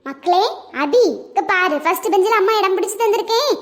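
A woman's voice: very high voice, brisk. A woman voicing a fussing mother in a cartoon, with a Tirunelveli Tamil accent and a coaxing, affectionate manner. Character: fussing village mother dropping off daughter. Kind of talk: cartoon voice acting.

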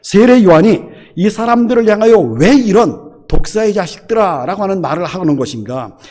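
A middle-aged male pastor delivers a sermon with a high, very lively voice. He keeps throwing rhetorical questions at his listeners, and his pitch swings widely from line to line. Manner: animated, rhetorical questions to the congregation. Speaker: senior pastor.

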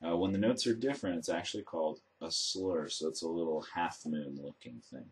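A man giving a methodical, step-by-step guitar lesson as a teacher, explaining in a measured way. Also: sits low. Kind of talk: instructional demonstration with step-by-step explanation. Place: indoor room with instruments. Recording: acoustic guitar playing around the voice. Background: acoustic guitar notes and plucking.

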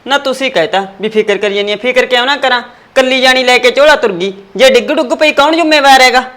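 A woman's voice: high voice, quick pace, a bit bright. A woman playing a protective, worried village mother with a Punjabi accent. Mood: fretting. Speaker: mother of the son. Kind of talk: village drama acting.

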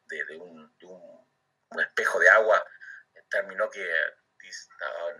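Speaking low and at a measured pace, a middle-aged Argentine man with a sharp, husky tone talks casually as an interview guest. He comes from Comodoro Rivadavia, has an Argentine Spanish accent, repeats and stumbles over words while thinking aloud, and laughs easily. The audio is poor, and he sits far from the microphone.

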